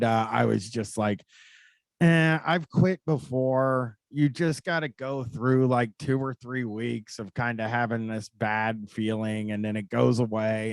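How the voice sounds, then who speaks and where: A man's voice: fairly low pitch, no echo. American man hosting, dry close sound. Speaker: call-in show host. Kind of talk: casual, rambling chat.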